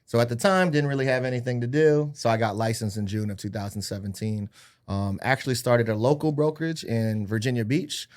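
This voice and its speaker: As a guest on a podcast, a man in his thirties talks a little fast at medium pitch. A real estate agent born in Hawaii and brought up in California and Arizona, he tells his life story in casual chat, keeping it light with jokes at his own expense.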